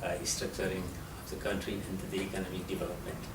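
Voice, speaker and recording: A middle-aged man from Nepal with a Nepali accent, answering interview questions in a halting way with many fillers. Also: low voice, monotone. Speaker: interviewee, geography professor. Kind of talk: conversational interview. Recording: roomy and distant, with loud background noise.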